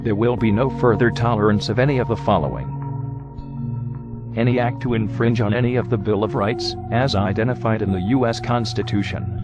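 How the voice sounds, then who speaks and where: Disguised deep male voice, stern. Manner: stern, measured, legalistic. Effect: disguised, digitally deepened voice. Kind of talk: formal warning statement read aloud. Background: music.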